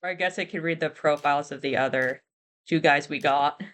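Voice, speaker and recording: A woman's voice: low-pitched, fairly quick, slight background noise. A woman streaming a game, chatting casually and reading character profiles aloud.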